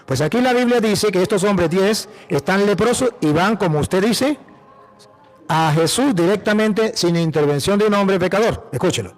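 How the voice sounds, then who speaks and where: A priest from Venezuela with a Venezuelan accent, preaching emphatically, repeating phrases and asking rhetorical questions. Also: male voice, high-pitched, animated, normal speed. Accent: Venezuelan Spanish. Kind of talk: apologetic preaching.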